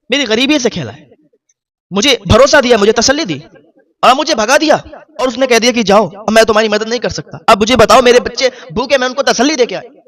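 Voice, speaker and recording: Preacher playing a poor weeping man in a sermon story, high pleading voice, sorrowful, desperate. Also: fairly bright tone. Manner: pleading, sorrowful, rising to anguished outcry.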